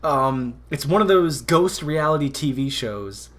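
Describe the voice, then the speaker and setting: A man's voice: fairly high pitch, lively intonation, unhurried, a bit bright. A man co-hosting a casual comedy podcast, rambling and laughing often, sometimes dropping to a mumble. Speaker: podcast co-host.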